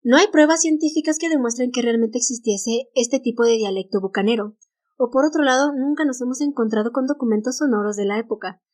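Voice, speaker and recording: A woman with a Mexican Spanish accent co-hosts a casual history podcast, reading her notes aloud, stumbling on English titles, and laughing easily. Her voice is fairly high, brisk, and a little mellow.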